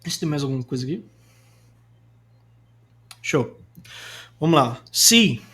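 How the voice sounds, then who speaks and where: A man's voice: fairly high pitch, animated, a little slow, fairly bright tone. Brazilian man teaching English pronunciation. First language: Portuguese. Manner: explains pronunciation, switching between Portuguese and English example sentences. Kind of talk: online English lesson.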